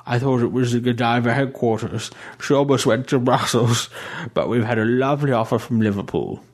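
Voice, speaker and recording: Pitching his voice higher than normal and staying back from the mic, a man performs a prissy, gushing bishop with a sweet tooth. He talks fairly quickly, close to an everyday voice, and sounds dreamy.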